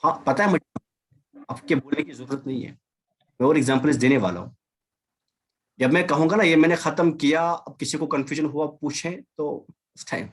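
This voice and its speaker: A man's voice: a little high, long pauses, slightly rough. A man teaching an online language class over a video call, patiently repeating and drilling examples. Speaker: Arabic teacher.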